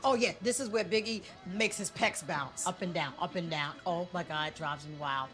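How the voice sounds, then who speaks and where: Actress playing a gushing wrestling-fan mom. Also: female voice, fairly low pitch, moderate pace, a bit bright, faint music behind, natural voice. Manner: gushing, playful.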